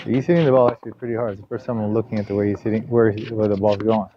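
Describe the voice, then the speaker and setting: A man's voice: fairly even intonation, rapid-fire, a little hiss or hum. A man coaching a teenage player through drills, talking in rambling bursts with many restarts and rising sharply when he scolds. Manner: rises loud and high when scolding. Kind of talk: sports coaching session. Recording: dull lo-fi camera audio.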